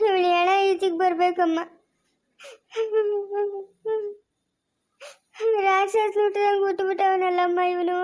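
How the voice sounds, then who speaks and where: A widowed village woman weeps and heaps curses on the man who drowned her husband. A woman performs her in a very high, thin voice, crying through her lines. It sounds like a home-made family drama. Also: darkish tone. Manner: wailing curses. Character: weeping widowed village woman, bitter and grieving.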